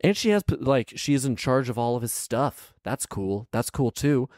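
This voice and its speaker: Reading a fairy tale and riffing on it for his story podcast, a man speaks at a moderate pace in an expressive, medium-pitched, darkish voice. His casual comic take is incredulous and wry, slangy, with emphatic repeats. The recording is clean studio sound with no room tone.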